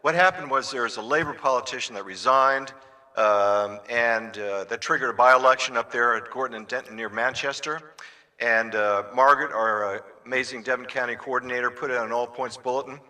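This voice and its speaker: A man's voice: mid-range voice, brisk, sharp tone. An American man co-hosting a podcast over a remote call, hesitant with many "uh" fillers, while an echo repeats his words on his line. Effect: echo of his own words repeating on his remote line. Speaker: podcast co-host. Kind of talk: casual podcast chat. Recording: echoey call line with long reverb.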